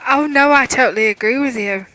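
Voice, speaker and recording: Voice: sits high, a little fast, sharp tone, poor audio. A co-host on a casual gaming chat show, agreeing readily and laughing along with short replies. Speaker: podcast co-host.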